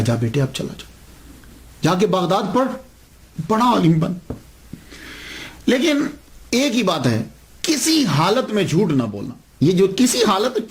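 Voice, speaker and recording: High-voiced male preacher telling a story. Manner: emphatic, with rhetorical questions and pitch swings. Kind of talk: sermon storytelling.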